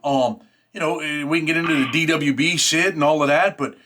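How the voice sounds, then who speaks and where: A man's voice: a little high, fairly quick, noisy background. A man interviewing in a casual street-talk style, emphatic, slangy and insistent.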